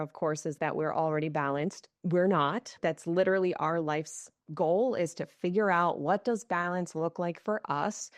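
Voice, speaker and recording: A woman with a fairly low voice hosts a podcast conversation. She talks in an earnest, musing way and poses open, searching questions. The sound is dry and close. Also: dry recording. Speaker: podcast host.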